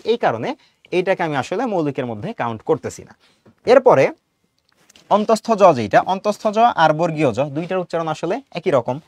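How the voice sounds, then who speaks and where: A man's voice: fairly high pitch, no room sound. A man teaching an online class, explaining step by step in a casual manner and drawing out sounds as examples. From Bangladesh. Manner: colloquial, mixes in English words. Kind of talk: online lecture for students.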